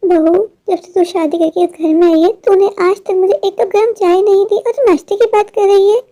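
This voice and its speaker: A woman voicing a bitter, sharp-tongued older mother-in-law in a cartoon story, taunting her daughter-in-law. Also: very high voice, steady tone, brisk. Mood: scolding.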